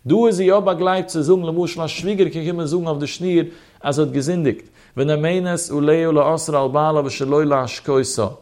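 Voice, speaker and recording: A man teaches a Talmud lesson in the traditional study-hall style, posing and answering his own questions in a sing-song chant that rises and drops. His voice is fairly high, fairly quick, and darkish in tone, with fairly even intonation.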